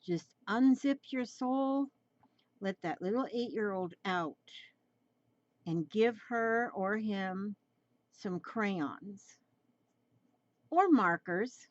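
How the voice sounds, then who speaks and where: Seventies woman, drawing tutorial host, rambling coaxing chat, unhurried, dry close recording. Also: medium pitch, no room sound, muffled recording. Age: 70s. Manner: rambling, repeats phrases, gently coaxing. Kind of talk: relaxed chatty drawing tutorial.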